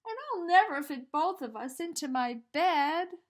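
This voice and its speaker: A woman voicing a young boy in a storybook who exclaims in a high, anxious voice. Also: wildly swooping pitch, takes it slowly, exaggerated voice. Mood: surprised.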